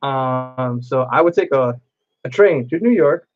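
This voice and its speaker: A man's voice: medium pitch, expressive, measured pace, muffled recording. A man chatting to camera as a cosplay vlogger, telling a long personal story in a rambling way with many restarts.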